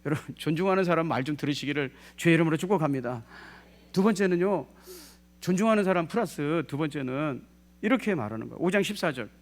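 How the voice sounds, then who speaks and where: A male pastor preaching a sermon in a lively way, putting questions to the congregation and acting out what people say. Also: on the high side, fast. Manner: lively, asks the congregation questions, acts out quoted speech.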